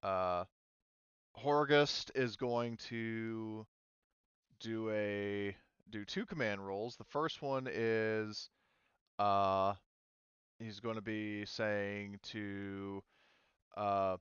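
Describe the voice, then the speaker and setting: Running a tabletop role-playing game, a game master thinks out loud in hesitant bursts. His voice is lowish, very clear, and a bit bright. The audio is dry with no echo, though slightly muffled.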